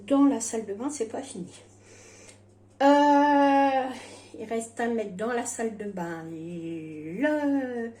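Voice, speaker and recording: A woman's voice: on the high side, mellow, reverberant. A woman with slurred, toothless articulation from missing dentures, chatting casually and hesitantly through a home cooking demonstration, often breaking off mid-sentence. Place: at home in a kitchen.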